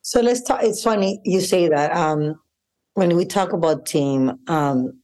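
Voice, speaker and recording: A woman hosting a podcast, voice a little on the low side, asking long, winding questions with eager appreciation. She talks casually, circling back as she thinks. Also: measured pace, darkish tone. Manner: enthusiastic and appreciative, rambling questions. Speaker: podcast host. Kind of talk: casual interview conversation.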